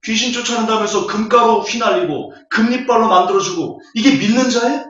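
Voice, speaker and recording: A man's voice: high voice, a little fast, a bit bright. A man preaching a Bible lecture, scornful and full of rhetorical questions. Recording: echoey hall, distant, dull audio.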